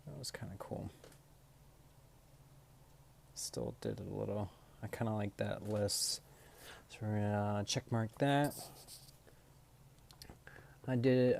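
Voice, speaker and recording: A man's voice: fairly low pitch, vocal fry, darkish tone, slight background noise. A man streaming live, chatting casually and thinking aloud as he works, now and then scatting a beatbox. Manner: scat-beatboxes between remarks.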